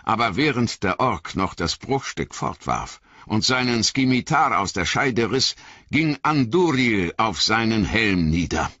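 A man narrating an audiobook in an expressive, dramatic storytelling manner. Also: on the low side, unhurried, no echo. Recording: slightly dull lo-fi audio.

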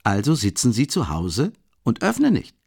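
A man voicing an eager, excitable young man who talks quickly and insistently in an audiobook. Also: medium pitch, vocal fry, breathy edge, no echo, clean studio sound, full character voice. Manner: urgent, quick, insistent reasoning.

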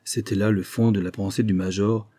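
A man narrating an audiobook in a measured storytelling manner. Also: lowish voice, level tone, dark tone. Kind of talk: audiobook reading.

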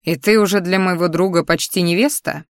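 A woman voicing a possessive young male dragon shifter, lowering her voice into a slow growl. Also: steady tone, no echo, studio quality, lightly acted. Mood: hissing.

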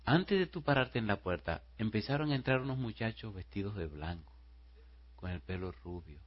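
A low-voiced man preaches a sermon to his congregation. He moves between hushed storytelling and loud, rising rhetorical questions. The recording sounds slightly dull and muffled. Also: animated, moderate pace. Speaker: pastor.

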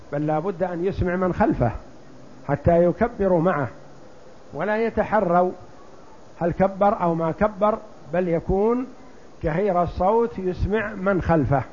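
An older man explaining a religious text, slowly and deliberately, asking rhetorical questions. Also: high-pitched, darkish tone, slight background noise. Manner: slow, deliberate, drawn-out examples, rhetorical questions. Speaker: sheikh teaching a fiqh text. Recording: dull lo-fi lecture recording.

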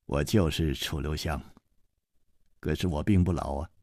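A male storyteller voicing a calm, worldly swordsman hero who speaks low, hushed and measured. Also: no echo, clean studio sound. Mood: calm, wry. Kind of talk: storytelling with character voices.

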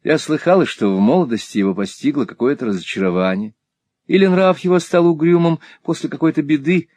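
Man voicing proud young woman, earnest, softly firm, dry sound. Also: a little high, animated, brisk, dry recording, pitched above the performer's own voice.

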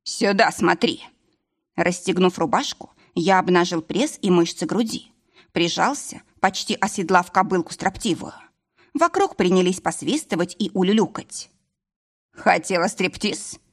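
Husky-voiced woman narrating an audiobook. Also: fairly low pitch, expressive, moderate pace. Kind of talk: scripted first-person narration.

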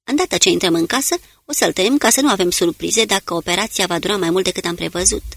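Woman reads steady male commando guide, low terse orders, husky, dry audiobook sound. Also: dry recording. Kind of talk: audiobook character reading.

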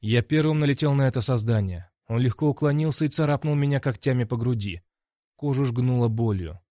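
A man narrating a first-person fantasy audiobook in an even, measured way. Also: medium pitch, no echo, clean studio sound.

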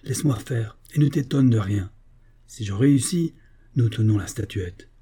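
A man reading the part of a cunning, cheeky young man from the Paris streets who talks in a brisk, scheming way. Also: on the low side, warm tone, husky.

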